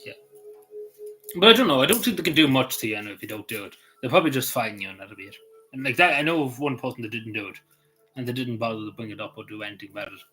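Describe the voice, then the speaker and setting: A man from Ireland responds to his live chat in a casual, wandering manner, full of "you know" and false starts. He speaks rapid-fire and animated at a medium pitch with a sharp tone, while faint music sits behind the poor-quality audio.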